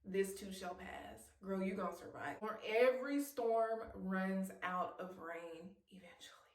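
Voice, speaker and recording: A woman's voice: mid-range voice, a little slow. A woman of about thirty speaks to her viewers in a heartfelt, chatty way, encouraging and open about her feelings. Her voice sits in a middle register. She sounds a little distant from the mic, in a room with a noticeable echo. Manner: warm and emotional, laughs at herself. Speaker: vlogger. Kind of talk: heartfelt casual talk to camera.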